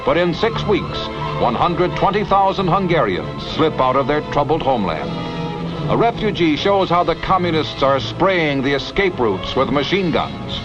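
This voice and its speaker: A man narrates an old newsreel in a scripted, dramatic and emphatic announcer style. His fairly high voice has a sing-song quality and a moderate pace. The vintage audio is dull and lo-fi, with music in the background.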